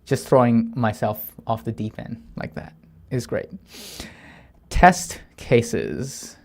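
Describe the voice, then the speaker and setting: A steady, creaky, mid-pitched voice comes from a Thai developer in his thirties coding on stream. He thinks aloud and reads plan text, muttering half to himself, halting and restarting when nervous, with soft murmured asides along the way.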